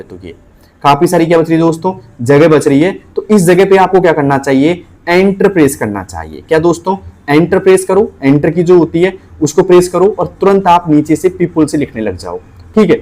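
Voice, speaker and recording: Male tutor, Rajasthani Hindi accent, casual teaching delivery, slightly higher voice, spells letters out slowly. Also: a little mellow. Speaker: typing tutor.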